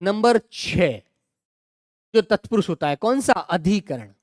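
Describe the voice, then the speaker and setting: A middle-aged male teacher running an online exam-prep grammar class, repeating each example and coaxing students to answer quickly. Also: high-pitched, expressive, no room sound, studio quality.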